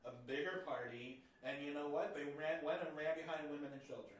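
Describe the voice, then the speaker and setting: A man's voice: fairly high pitch, brisk. A man hosting a casual podcast chat, blunt, opinionated and profane. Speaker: podcast host. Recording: echoey room, mic at a distance.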